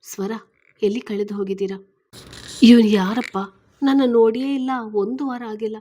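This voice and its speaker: A woman voicing an earnest man in his thirties who gently and eagerly asks a woman to marry him, in a read-aloud story. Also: a little high, fairly even intonation, moderate pace, slight background noise, lightly acted.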